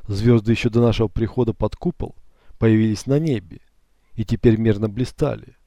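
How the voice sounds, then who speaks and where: A man narrating an audiobook in the first person, with a calm, measured reading. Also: fairly low pitch, dry recording, clean studio sound.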